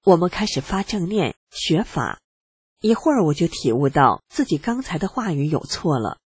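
An adult reading a personal testimony aloud in a steady first-person way, earnest and reflective. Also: mid-range voice, normal speed, slightly rough, dry recording.

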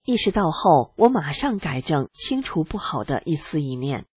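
A reader calmly and earnestly narrating a personal account in the first person, with a husky voice. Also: medium pitch, normal speed, dry recording. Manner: calm, earnest reading.

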